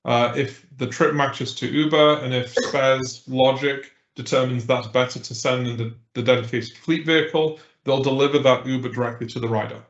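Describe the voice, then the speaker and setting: Male presenter, businesslike, on a glitchy, cutting-out video call with an echoey, muffled line. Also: medium pitch. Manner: businesslike with filler uhs and restarts. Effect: glitchy, cutting-out call audio. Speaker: transit agency presenter. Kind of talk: meeting update over a call. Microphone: remote video call. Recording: dull, echoey remote call audio.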